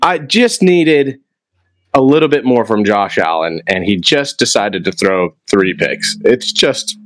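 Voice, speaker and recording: A man's voice: fairly low pitch, lively intonation, measured pace, a bit bright, dry recording. A young man co-hosting a fantasy football podcast, ranting and swearing in casual chat. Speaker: podcast co-host.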